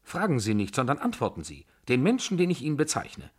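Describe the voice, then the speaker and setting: A man's voice: mid-range voice, wildly swooping pitch, fairly quick, husky, voice pushed up. A man voicing a proud, scornful young woman who gives cold, mocking commands, read in an audiobook. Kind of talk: audiobook dialogue.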